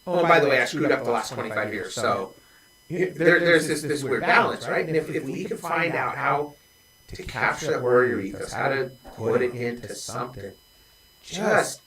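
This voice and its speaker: A man's voice: medium pitch, expressive, normal speed, roomy sound, a crowd in the background. Earnest man in his forties, off mic. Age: 40s. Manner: earnest, blunt confessional talk. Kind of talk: casual conversation. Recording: voice from a distance off mic.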